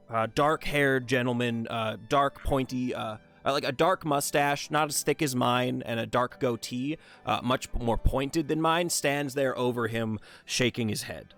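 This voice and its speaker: A man narrating a tabletop game as game master, relaxed and rambling with many fillers. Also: medium pitch, normal speed, vocal fry, hardly any pauses, faint music behind.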